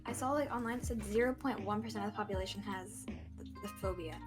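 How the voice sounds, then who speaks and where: A woman's voice: mid-range voice, quick pace, over music. A young woman from the United States, a podcast guest, chatting casually and stumbling over her words. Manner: hesitant, stumbling, repeats words. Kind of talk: casual chat.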